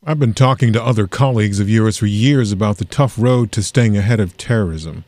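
A man hosting a podcast, delivering scripted narration and questions deliberately, with emphatic pauses. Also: on the low side, darkish tone, no room sound. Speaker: podcast host and interviewer. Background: music.

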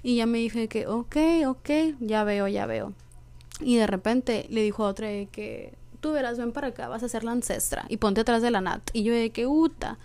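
A woman's voice: on the high side, fairly even intonation, normal speed, darkish tone. A woman with a Mexican accent hosting a podcast, casually telling a personal story in slangy speech and acting out the dialogue. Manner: slangy, acts out quoted dialogue. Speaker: podcast host.

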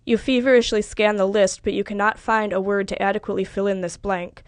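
A woman reads literary fiction aloud in a measured, even way. Her voice sits at a middle pitch. The recording is close and dry, with no room echo. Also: smooth. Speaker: reader.

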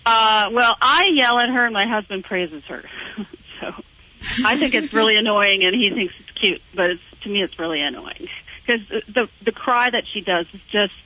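A woman's voice: medium pitch, moderate pace. A woman phoning in to a radio show, chatting casually over a telephone line. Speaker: phone-in caller. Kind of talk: casual chat. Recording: bright tinny telephone line.

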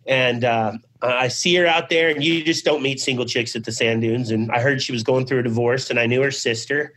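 A man's voice: medium pitch, steady tone, a little fast, a bit bright. A middle-aged man telling his life story as an interview guest, loose and conversational, peppered with "you know" and "man", acting out old conversations. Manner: acts out remembered conversations. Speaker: interview guest, business founder.

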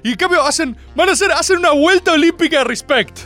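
A young man with an Argentine accent hosting a radio show, chatting casually and sarcastically, jumping from high mocking voices to low mutters. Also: fast talker, pushed and bright, faint music behind. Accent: Argentine Spanish. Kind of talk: casual comedic radio talk.

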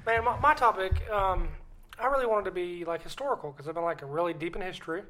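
A man co-hosting a podcast in casual chat, his voice quite high and his words tumbling out quickly. He sounds eager, stringing thoughts together with many fillers. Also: pushed and bright. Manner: eager, rushing, full of fillers. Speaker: podcast co-host.

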